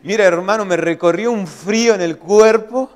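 A man preaching a sermon as pastor, telling stories in a lively way and acting out his own shouts. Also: high voice, moderate pace. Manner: animated storytelling, acts out his own shouting. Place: church hall. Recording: long church hall reverb.

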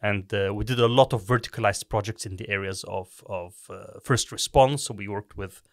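Low-voiced Egyptian-born man explaining calmly. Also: gravelly, dry recording, studio quality. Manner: measured, explanatory, with repeated restarts. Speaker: guest, tech company co-founder. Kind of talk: podcast interview.

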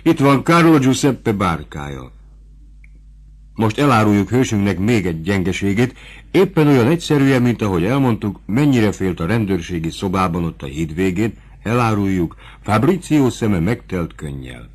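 A man narrating a classic novel as an audiobook in a measured, even manner. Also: fairly low pitch, husky.

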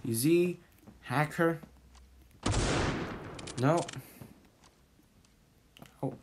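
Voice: mid-range voice, extremely slow. A gamer commentating on a shooter game in short, repeated, exasperated complaints. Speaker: gaming video creator. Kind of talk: casual first-person shooter gameplay commentary. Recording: noisy, with game gunfire. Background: video game gunshots and clicks.

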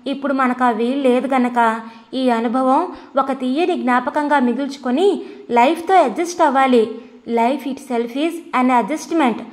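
A woman voicing a glib, dismissive young male student who lectures and talks down. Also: sits high.

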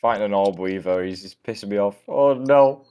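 Low-voiced man chatting over a game. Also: moderate pace, mellow, clean tone. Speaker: gaming streamer. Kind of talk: casual multiplayer gaming chat.

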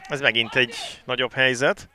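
A man giving excited football commentary, exclaiming in bursts as chances come. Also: medium pitch.

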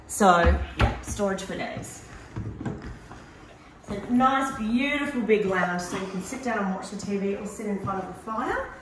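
An upbeat woman tours a prize home, pointing things out as she moves through the large, empty modern house and out on the deck. She speaks at a measured pace with a medium-pitched voice and lively intonation. The handheld camera stays at a distance, leaving her a bit off-mic in echoey rooms with a noisy background.

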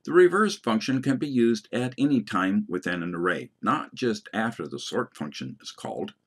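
A man with a lowish, husky voice reads a scripted programming lesson. He speaks as an instructor, in a measured dictating manner that sets out each item clearly for the learner. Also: lively intonation, a bit bright. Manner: dictating code symbol by symbol, punctuation spoken aloud.

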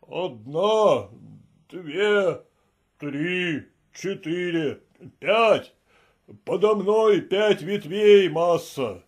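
A man doing a slow, timid old servant. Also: sits high, animated, husky, heavily acted. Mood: wary. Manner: slow, drawn-out, plaintive speech. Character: old male servant, timid and grumbling, high in a tree. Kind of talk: audiobook character voice.

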